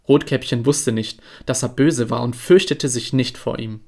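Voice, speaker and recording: A man reading a fairy tale aloud in a calm, even storytelling voice. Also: medium pitch, normal speed.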